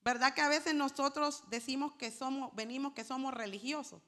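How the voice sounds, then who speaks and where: A woman's voice: high-pitched, steady tone, moderate pace, a bit bright. A woman preacher delivering a sermon to her congregation, calling them brothers and explaining Hebrew words for holy. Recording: hall reverb.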